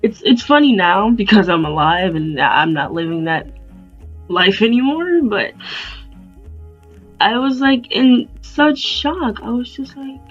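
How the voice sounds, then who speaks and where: A young woman tells her story to the camera in a loose, animated, profane way, at an ordinary middle pitch. The sound is a bit dull and lo-fi, and faint music plays underneath. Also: measured pace. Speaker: vlogger. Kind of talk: storytime vlog.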